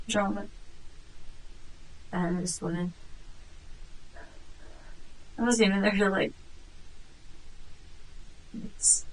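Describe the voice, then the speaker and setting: A woman with a husky voice answers police questions as a cornered suspect, halting, subdued and upset. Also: mid-range voice, rough recording. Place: police interview room.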